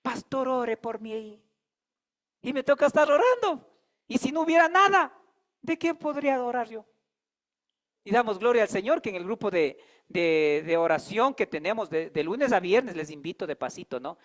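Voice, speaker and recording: A man's voice: high voice, lively intonation, moderate pace, fairly bright tone. A man preaching a sermon as pastor, emphatic and calling on the congregation to repeat after him.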